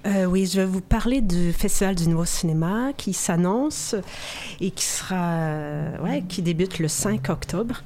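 A woman's voice: on the low side, measured pace, mellow. A woman columnist on a radio arts show, chatting casually with some hesitations. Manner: hesitant, trailing fillers.

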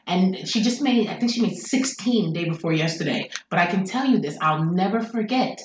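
A woman's voice: lowish voice, lively intonation, moderate pace, slight background noise. A woman telling a personal anecdote in conversation. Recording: roomy, distant from the microphone.

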